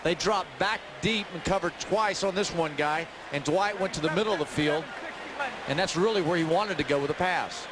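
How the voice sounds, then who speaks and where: A man's voice: on the high side, moderate pace. A man giving conversational, explanatory analysis as a live football color commentator. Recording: loud stadium noise behind broadcast. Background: crowd and stadium noise.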